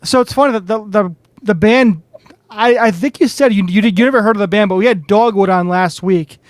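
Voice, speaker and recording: Male podcast host, high, smooth voice, dry sound, eager fan. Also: brisk, no echo. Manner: eager fan, repeats words when starting. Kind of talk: casual interview.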